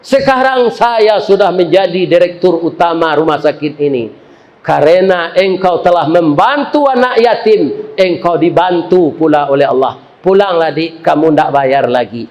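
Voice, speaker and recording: A Minangkabau-accented man voicing a gentle, grateful male hospital director who speaks tenderly and solemnly in a sermon story. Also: fairly high pitch, a little slow, highs cut off, natural voice.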